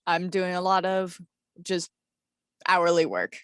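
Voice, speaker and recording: Young adult panelist, slow, hesitant, casual, dry sound. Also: mid-range voice, a bit bright, smooth, no echo. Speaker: student panelist.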